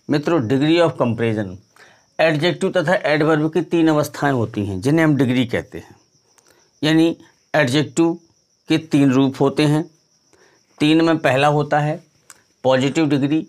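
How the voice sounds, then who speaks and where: A middle-aged man teaching English grammar in a video lesson, who keeps asking the viewer questions and then answers them himself. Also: a little high. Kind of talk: explanatory classroom lesson.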